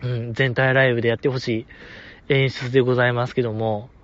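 A man with a Kansai accent hosting a solo podcast, gushing like an excited fan and chuckling often as he talks. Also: mid-range voice, quick pace. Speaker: podcast host. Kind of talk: casual solo podcast chat. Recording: dull lo-fi audio.

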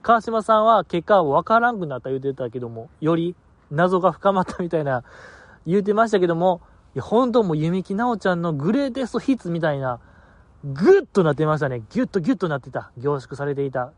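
A man's voice: on the high side, sing-song, fairly quick, no room sound. Sleepy rambling man. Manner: rambling, self-mocking, sleepy. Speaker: podcast host. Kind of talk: casual solo podcast chat.

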